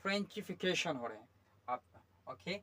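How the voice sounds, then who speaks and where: A man teaching English pronunciation. He spells each word letter by letter, repeats it slowly and stretched, and explains patiently with many okays. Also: sits high, animated, a bit bright. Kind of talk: pronunciation lesson.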